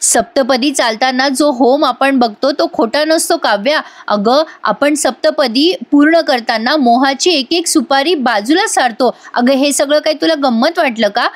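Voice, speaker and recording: A woman's voice: sits high, a little slow, hardly any pauses. A woman reading the lines of an earnest young married woman who lectures her younger sister firmly. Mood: stern. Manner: pleading, firm lecturing tone.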